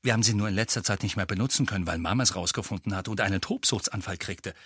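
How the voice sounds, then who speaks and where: A man's voice: fairly low pitch, very fast, a bit bright, breathy edge, dry recording, clean studio sound. A man voicing an awkward teenage boy wizard in a storybook reading, hesitant and chatty. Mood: sheepish.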